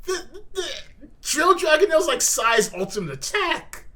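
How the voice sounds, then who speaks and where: At a measured pace, a lively host gives a live manga reaction full of slang, exclamations, and repeated words. The voice bounces across a very wide pitch range with a bright, punchy tone.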